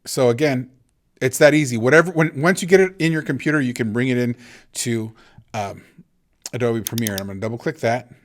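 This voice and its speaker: A man talks through an editing lesson in a loose, chatty way, thinking aloud as he goes. He often stops and restarts his sentences. His voice sits at an ordinary middle pitch. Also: fairly quick. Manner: casual and rambling, with many restarts and thinking aloud. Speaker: instructor. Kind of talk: screen-recorded video editing tutorial.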